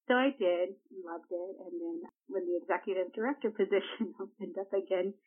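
A woman's voice: lowish voice, fairly quick. A woman in her thirties, originally from El Salvador, talking earnestly and reflectively as an executive director in an interview, with frequent fillers. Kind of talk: conversational interview. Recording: tinny phone-like line.

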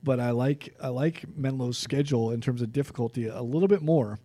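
Relaxed Californian man reading football stats. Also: mid-range voice, brisk, no echo. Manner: reads stats, relaxed and conversational. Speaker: sports podcast co-host. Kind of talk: casual sports chat.

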